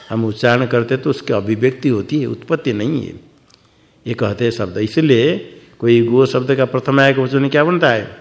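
A man giving a scripture lecture as a teacher, posing questions and answering them himself, repeating words for emphasis. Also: mid-range voice. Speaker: Vedanta teacher.

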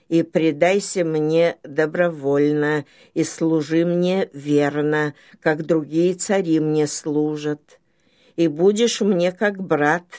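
A woman's voice: low voice, darkish tone. A woman reading the part of a solemn, commanding tsar in a storybook, in a stately, formal manner.

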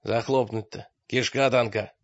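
A gruff warrior with a rough, mocking way of talking, as a male audiobook reader puts him on. He pitches up and gets loud when teasing. The recording is dry and a little dull. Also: fairly even intonation, unhurried, dry recording, close to an everyday voice. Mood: hoarse, grumbling. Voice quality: gruff, growling.

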